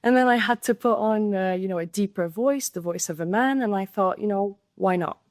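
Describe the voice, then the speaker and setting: A woman's voice: medium pitch, fairly quick, dry recording, studio quality. A young woman from Syria, a podcast guest telling her story in an earnest way, often restarting and repeating words. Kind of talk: conversational interview storytelling.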